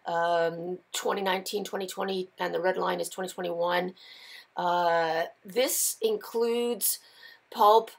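Her voice is mid-range and creaky. She's a middle-aged Canadian woman who analyzes the lumber market and hosts, giving informal, conversational commentary that explains as it goes, from a small office with shelves of files.

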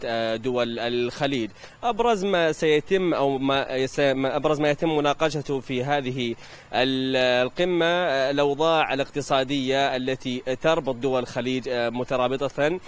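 Quick, clear-voiced Saudi male reporter. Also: medium pitch. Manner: halting, searching for words. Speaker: TV news reporter. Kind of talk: live news report. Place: outdoors in a large open plaza. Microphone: handheld reporter microphone.

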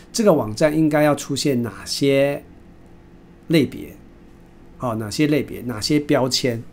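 A man's voice: mid-range voice, a little mellow, a little hiss or hum. Man lecturing in Taiwanese Mandarin, lots of fillers. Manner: halting, many fillers and repeated words; mixes English terms into speech. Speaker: university lecturer. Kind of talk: recorded online course lecture.

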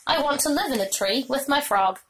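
A woman reading aloud, voicing a rowdy young boy who yells and teases. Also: high voice, expressive, fairly quick, slight background noise. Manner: yelling, teasing.

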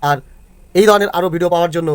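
A man's voice: high-pitched, steady tone, very fast, clean tone. A male teacher explains exam answers to students step by step and keeps checking that they follow. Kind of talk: exam answer walkthrough lesson.

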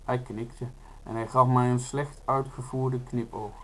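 A man reading his own first-person prose aloud, in a slow, measured and unhurried delivery. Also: mid-range voice, flat delivery, a bit bright, rough recording.

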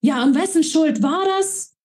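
A woman's voice: medium pitch, unhurried, slightly rough. Woman reading as a proud furious young woman. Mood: angry. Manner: sharp, scolding outbursts.

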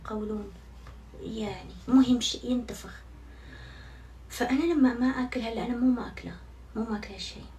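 A woman's voice: fairly high pitch, quick pace, pauses often, mellow. Young woman vlogger, casual and joking, slight room hiss, mic a bit distant. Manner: chatty and self-mocking, swears oaths often. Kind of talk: casual vlog chat to viewers. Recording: somewhat far from mic, faint background noise.

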